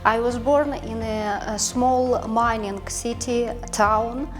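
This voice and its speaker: A woman's voice: on the high side, steady tone, takes it slowly, soft background music. A woman, a diplomat, telling her story in an interview with very many hesitations. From Ukraine. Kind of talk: interview answer.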